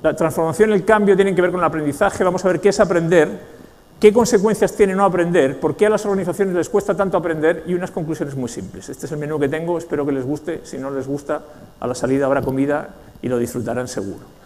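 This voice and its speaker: The speaker is a Basque man from Spain with a Spanish accent, giving a wry, joking keynote to businesspeople in a large event hall. He talks quickly in a fairly high, slightly mellow voice with fairly even intonation.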